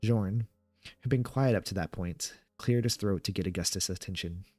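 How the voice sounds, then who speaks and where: A man reading a scripted horror story aloud in a measured, subdued storytelling manner. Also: sits low, a little mellow, no room sound, faint music behind.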